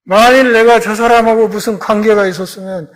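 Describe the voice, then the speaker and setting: An impulsive disciple, voiced by a man preaching, pleads and protests in a sermon retelling. He is earnest and anxious, and his voice sits high. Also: steady tone, brisk, natural voice. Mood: protesting. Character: impulsive man disciple, fearful then humbled.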